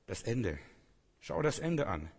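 A man's voice: mid-range voice, very animated, slow pace, a little mellow, breathy edge. A man preaching a sermon, speaking emphatically with repeated phrases and rhetorical questions addressed straight to his listeners.

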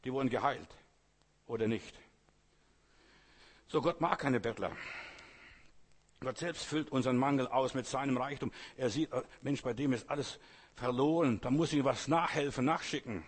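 A man's voice: mid-range voice, moderate pace, pauses often, slightly rough. A man preaching a sermon, speaking earnestly in short repeated phrases and addressing the listener directly.

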